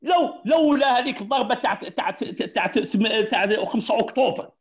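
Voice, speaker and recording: A man's voice: very high-pitched, expressive, fairly quick, muffled recording. A man with an Algerian Arabic accent, a panelist arguing his point in a heated debate, repeating key words and laughing between points.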